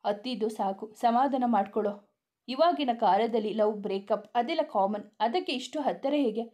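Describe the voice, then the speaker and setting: A woman's voice: fairly high pitch, normal speed, mellow, close to an everyday voice. A woman voicing a young male student who bluntly scolds and comforts his friend in a story reading. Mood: firm. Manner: firm, scolding advice.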